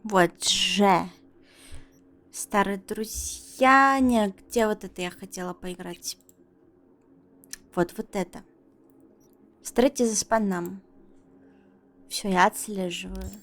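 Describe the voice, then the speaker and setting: Here a young woman streaming a game speaks slowly at a medium pitch, leaving long pauses, her tone fairly bright. She mutters to herself with playful, crude, casual remarks.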